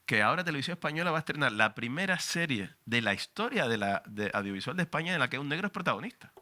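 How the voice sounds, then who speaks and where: Fiery Canarian man with bright voice. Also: medium pitch, sing-song, quick pace. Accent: Canarian Spanish. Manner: passionate, emphatic, frank and profane. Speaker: journalist and panelist. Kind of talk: public talk at a book presentation.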